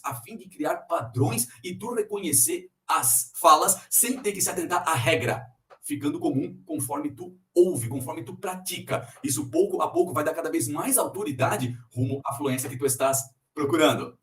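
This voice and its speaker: A man with a fairly high, lively voice leads an English pronunciation lesson. He talks through the rules patiently and says each example word twice. He sounds a little far from the mic in an echoey room. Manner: explains slowly and repeats example words. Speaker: English teacher. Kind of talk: recorded online lesson.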